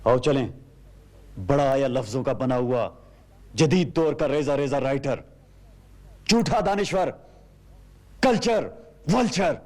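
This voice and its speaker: An actor playing a proud, bitter struggling writer who declaims poetry slowly and scoffs at critics, with a Pakistani Urdu accent. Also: male voice, mid-range voice, sing-song, a little mellow, reverberant. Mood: scornful.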